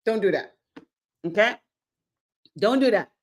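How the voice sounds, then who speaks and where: A Nigerian woman with a medium-pitched voice delivers a sermon-style Bible teaching at an unhurried pace. She's animated, poses rhetorical questions, acts out little scenes, and keeps checking in with "okay?".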